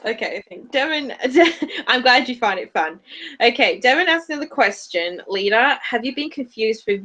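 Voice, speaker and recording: With an accent mixing British and Australian, this livestream co-host and anime reviewer chats casually, rambling and restarting a lot. Her fairly high voice is animated, pushed and bright, at a moderate pace.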